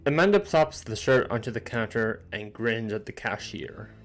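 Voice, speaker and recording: A man co-streamer reading game narration aloud in a plain, steady way. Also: mid-range voice, normal speed, soft background music.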